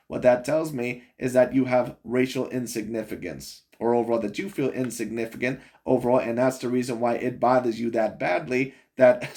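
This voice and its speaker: A man's voice: mid-range voice, a little mellow. A man giving casual opinion commentary on boxing while reviewing a video, rambling and chuckling between points. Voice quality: rambling, repeats "overall" and "in my opinion", chuckles often.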